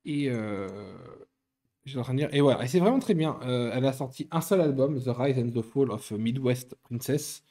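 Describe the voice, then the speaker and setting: A man's voice: medium pitch, moderate pace, mellow. Chatty man rambling over a Lego build. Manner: rambling, self-correcting, chatty. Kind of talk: casual chat while building.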